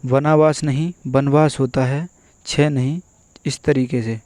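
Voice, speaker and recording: A man teaching an exam-prep spelling lesson, going through word after word and repeating each one slowly and methodically. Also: mid-range voice, warm tone, no echo. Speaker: Hindi teacher.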